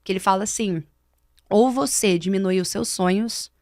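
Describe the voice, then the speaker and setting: A woman's voice: medium pitch, moderate pace, darkish tone, dry recording, studio quality. A Brazilian woman mentor explaining speaking techniques on a podcast, emphatic and didactic. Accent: Brazilian Portuguese. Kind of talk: podcast conversation. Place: podcast studio.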